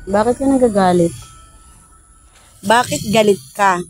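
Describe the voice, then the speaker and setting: A woman, a paranormal investigator vlogger, softly coaxing and pleading with spirits outdoors at night. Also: medium pitch, a little slow, faint music behind. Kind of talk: casual ghost-hunting vlog. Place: outdoors at a bus depot at night.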